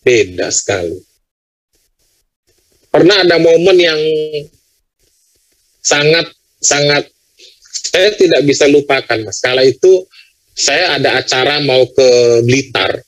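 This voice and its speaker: A man's voice: on the high side, expressive, slow pace, pauses often, fairly bright tone, low-quality recording. A middle-aged man from Indonesia, earnestly telling an emotional personal story as an interview guest. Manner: earnest, addresses the host often.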